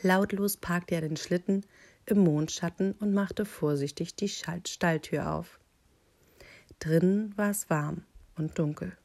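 A woman reading a children's picture book aloud, with calm, deliberate storytelling. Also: on the low side.

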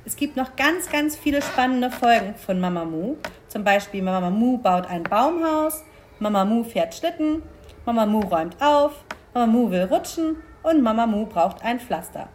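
A woman reading picture books aloud for young schoolchildren, in a bright, lively storytelling manner. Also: on the high side, moderate pace, a little hiss or hum.

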